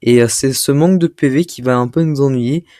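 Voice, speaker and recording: A man's voice: mid-range voice, brisk, dark tone, dry recording, studio quality. Hesitant young man explaining game strategy. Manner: hesitant, full of filler sounds and restarts. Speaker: game strategy tutorial maker. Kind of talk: casual gameplay tutorial commentary.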